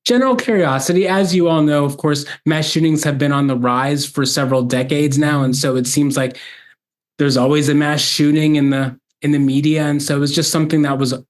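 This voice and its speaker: Measured male psychiatrist guest. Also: a little high, fairly even intonation. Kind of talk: interview answers.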